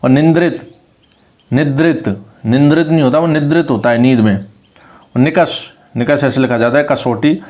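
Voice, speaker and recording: A man with a Rajasthani Hindi accent teaches an online spelling class. His voice sits at an ordinary middle pitch. He says each word again and again, lifting his voice on the correct spelling. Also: moderate pace, darkish tone. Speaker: Hindi exam tutor.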